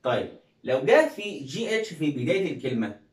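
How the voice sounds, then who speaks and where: A man's voice: fairly high pitch, sing-song, a little fast, recorded from a distance. A man with an Egyptian Arabic accent teaching English pronunciation, calling out words and asking viewers to repeat them with him. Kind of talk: phonics lesson for learners. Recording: roomy, from off the mic.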